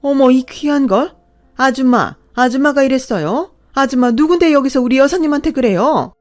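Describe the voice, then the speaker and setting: A woman's voice: a little high, expressive, normal speed, a little mellow, close to an everyday voice. A woman voicing a wealthy, fiercely protective middle-aged woman who talks indignantly and gives orders. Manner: indignant, commanding.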